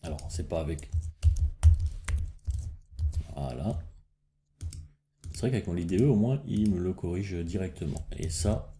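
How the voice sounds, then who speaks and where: A man's voice: deep voice, lively intonation, measured pace, pauses often, warm tone, slight background noise. A man hosting a casual coding lesson, thinking aloud as he works, with frequent fillers and restarts. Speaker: programming tutorial host.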